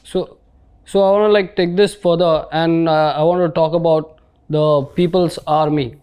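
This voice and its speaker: A man's voice: fairly high pitch, fairly even intonation, moderate pace, darkish tone, clear, resonant tone. A man hosting a casual podcast interview in an informal, slangy way. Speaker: podcast host.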